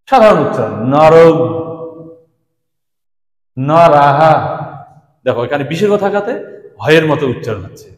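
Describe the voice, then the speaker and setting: A man teaching Sanskrit grammar in speech, patiently repeating examples and speaking directly to his students. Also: on the high side. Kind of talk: classroom grammar lesson. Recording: echoey room with long reverb.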